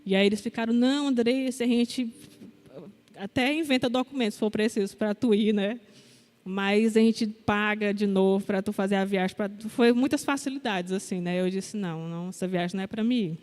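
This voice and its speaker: A woman's voice: mid-range voice, fairly quick, a little mellow. A young woman giving a personal testimony in a sermon, telling her story candidly and quoting the people in it. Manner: candid storytelling, quotes herself and others. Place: church hall. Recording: long hall reverb.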